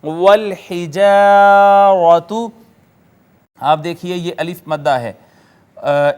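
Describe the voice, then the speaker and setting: A male lecturer with a Pakistani Urdu accent teaches Arabic grammar to viewers. His voice sits high and sounds smooth and clear. He works through each word methodically and repeats its meaning patiently. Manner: chants Quranic words slowly in a drawn-out recitation tone. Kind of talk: classroom-style recorded lecture.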